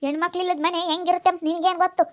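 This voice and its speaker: A loud, quarrelsome village wife, played by a woman, hurls scolding retorts. Her voice sits very high and the words tumble out fast. She is a comedy-drama character who never backs down. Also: flat delivery, muffled recording. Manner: scolding, quick and combative.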